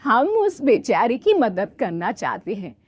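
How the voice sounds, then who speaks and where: Brief: a woman playing a meddling neighbour lady, matter-of-fact and pushy, high voice. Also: very animated, a little slow. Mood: officious. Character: busybody neighbourhood women.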